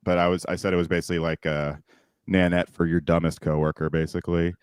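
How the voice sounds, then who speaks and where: Man, very low voice, dry close sound, rambling crude podcast banter. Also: flat delivery, quick pace, smooth, dry recording. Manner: rambling storyteller, crude joking. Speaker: podcast co-host.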